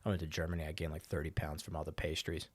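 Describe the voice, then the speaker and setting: A man's voice: rumbling low, completely flat delivery, very fast, no room sound. A young man co-hosting a podcast, chatting casually and animatedly, acting out the voices of people in his stories and laughing often. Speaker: podcast co-host. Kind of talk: casual conversation.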